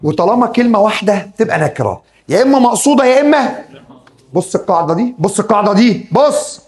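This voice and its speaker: Talking fast in a high voice with big pitch swings, an Egyptian-accented man gives a classroom grammar lesson on Arabic. He repeats the rules again and again and plays out the questions his students ask.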